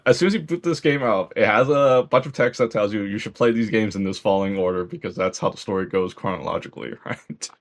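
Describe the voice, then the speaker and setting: Animated man in casual game chat. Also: fast, hardly any pauses. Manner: animated, acts out game dialogue in high mocking voices, laughs often. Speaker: podcast co-host reviewing games.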